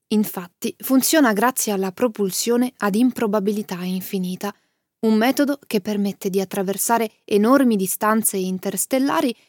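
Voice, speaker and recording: A woman tells and summarises a story in a clear, lively way and turns to the listener now and then. Her voice sits at a middling pitch, recorded close and dry in a quiet room. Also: no room sound. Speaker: narrator.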